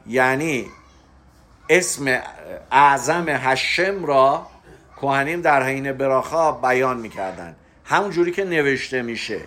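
A man giving a spoken religious lesson, explaining terms step by step with pauses to stress key words. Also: medium pitch, fairly bright tone. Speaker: religious teacher.

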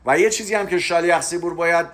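A man giving a spoken religious lesson, explaining terms step by step with pauses to stress key words. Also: a little high, fairly bright tone. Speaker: religious teacher.

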